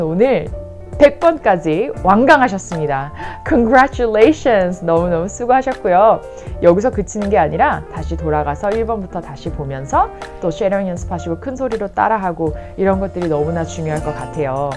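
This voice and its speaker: A woman teaching an online English lesson, who mixes explanations with slow, carefully enunciated example sentences and keeps checking in with the viewer. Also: lowish voice, expressive, music in the background. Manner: frequent check-ins with the viewer.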